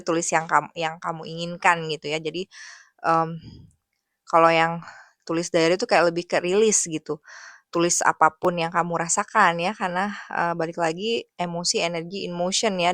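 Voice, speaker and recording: A young adult woman, an English teacher, sharing thoughts in a casual, reflective monologue, soft-spoken and hesitant with many fillers. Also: on the low side, dry recording, clean studio sound.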